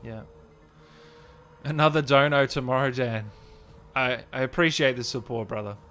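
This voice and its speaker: Faint music sits behind a male gaming livestreamer whose medium-pitched, slightly bright voice moves at normal speed. He chats casually and off the cuff, treating viewers like friends and calling them guys and brother.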